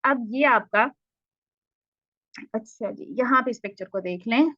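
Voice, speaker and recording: A woman's voice: a little high, measured pace, no echo, highs cut off. A woman teaching Tajweed in an online lesson, patiently repeating points and asking checking questions.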